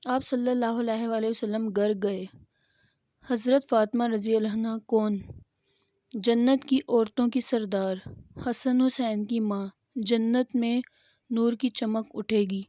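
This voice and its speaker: A woman's voice: fairly high pitch, fairly even intonation, warm tone, no echo. Fervent woman telling sermon stories. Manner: fervent, emphatic, acts out quoted dialogue. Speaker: religious storyteller. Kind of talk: Islamic sermon storytelling.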